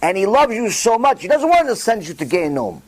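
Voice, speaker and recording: A man giving a rabbi's Torah lecture, emphatic and full of rhetorical questions, swinging widely between loud and quiet. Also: sing-song, a little fast, rough recording. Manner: dramatic swings in pitch and volume.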